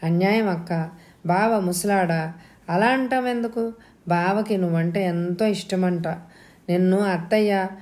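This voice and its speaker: A woman's voice: fairly low pitch, a little slow, a little mellow, lightly acted. A woman reading an audio novel, voicing an anxious young student begging her elder sister and mother. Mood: coaxing. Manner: pleading, anxious.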